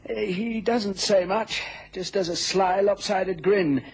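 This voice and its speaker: A worried police inspector in a radio play. His voice is high and husky, and he speaks hesitantly, full of doubt. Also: takes it slowly, exaggerated voice. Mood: doubtful. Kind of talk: radio drama acting.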